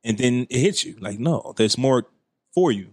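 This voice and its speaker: Earnest man thinking out loud. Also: mid-range voice, animated, normal speed, breathy edge. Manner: earnest, repeats words while thinking aloud. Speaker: podcast co-host. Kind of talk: casual chat.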